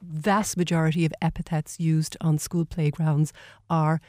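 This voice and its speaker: A woman's voice: sits low, flat delivery, measured pace, a little mellow, no room sound, clean studio sound. A woman speaking as a panel guest, explaining her points earnestly and articulately. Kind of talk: conversational panel discussion.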